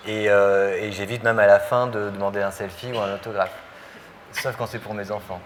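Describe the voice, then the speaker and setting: A man's voice: lowish voice, fairly even intonation, moderate pace, a little hiss or hum. A male photographer answering questions in a public interview, speaking with many fillers and restarts. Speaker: photographer guest. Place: live public interview before an audience.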